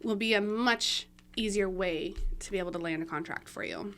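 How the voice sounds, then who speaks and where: A woman's voice: mid-range voice, normal speed, a bit bright. A woman guest on a podcast talking casually about marketing, chatty with many fillers and frequent laughs. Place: room, eating during recording. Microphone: podcast mic.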